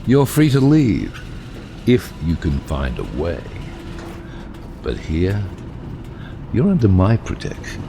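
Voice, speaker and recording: An actor playing a proud, brooding, self-exiled submarine captain in an audio drama, with grandiose, deliberate, theatrical delivery and a gravelly voice. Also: male voice, low-pitched, wildly swooping pitch, over music, exaggerated voice. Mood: stern, challenging.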